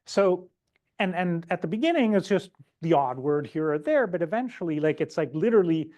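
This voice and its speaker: Brief: woman physician, informal teaching talk, lower voice, conversational with frequent "right?" checks. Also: animated, fairly quick, mellow. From Canada. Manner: chatty, keeps asking "right?", acts out patients' words. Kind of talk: informal lecture.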